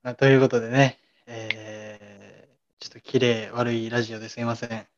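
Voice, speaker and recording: A man's voice: mid-range voice, moderate pace. A man with a Kansai accent chats casually on a comedy podcast. He answers his partner with short, dry retorts and steers the talk. The recording sounds muffled and lo-fi. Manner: deadpan retorts, wraps up the show. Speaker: podcast co-host.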